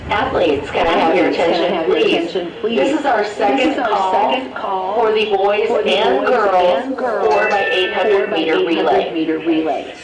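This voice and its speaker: Woman announcing over a loudspeaker. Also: medium pitch. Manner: slow, loud, carefully spaced calls. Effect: over a public address loudspeaker. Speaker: meet announcer. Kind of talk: public announcement. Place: outdoor track meet, heard from the broadcast booth. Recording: echoey loudspeaker picked up from far off, crowd noise.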